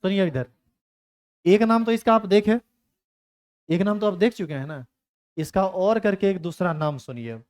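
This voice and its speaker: A man's voice: high-pitched, normal speed, pauses often, a little mellow. Teasing male chemistry teacher. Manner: scolding, teasing students in a rustic Hindi dialect. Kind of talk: classroom lecture. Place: classroom.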